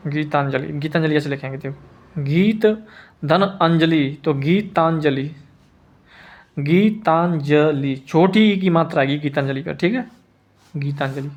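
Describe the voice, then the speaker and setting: Male teacher, a little high-pitched, patient and repetitive, drilling spelling rules. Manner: repeats each word slowly, asks students if they follow. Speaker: Hindi teacher. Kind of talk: spelling lesson.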